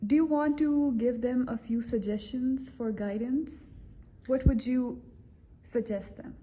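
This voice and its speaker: A woman student interviewing a guest, asking questions gently and encouraging him with frequent mm-hmms. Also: on the high side, unhurried.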